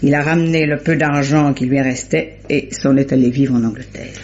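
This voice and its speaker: An actress plays a shrewd, self-assured lady investigator in old-fashioned radio drama style, speaking knowingly, articulately, confidently and explanatorily. Her voice is rumbling low and darkish, with fairly even intonation and a moderate pace, on a dull, faintly noisy old radio recording.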